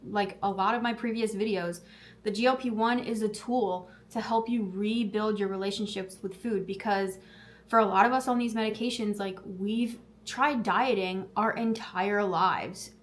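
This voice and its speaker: A woman talking casually to camera as a health vlogger, chatty and full of fillers, laughing at herself now and then. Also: medium pitch. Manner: chatty, lots of "like" fillers, quick asides. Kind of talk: casual vlog chat to camera.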